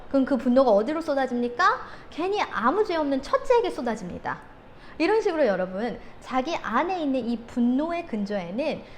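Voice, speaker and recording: A woman counselor with a fairly high voice lectures on handling anger, telling stories vividly and acting out the quoted scenes with animation. There's slight background noise.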